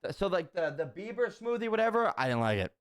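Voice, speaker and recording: A man's voice: sits high, very animated, fast talker, smooth, no room sound, clean studio sound. Profane young man telling stories casually. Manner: profane, repeats phrases, laughs while telling. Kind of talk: casual storytelling chat.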